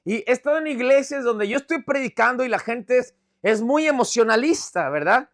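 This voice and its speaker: A man preaching a sermon in an animated, conversational way, often asking the congregation if they follow. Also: very high voice, normal speed. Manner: animated, conversational preaching with frequent check-ins. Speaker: pastor.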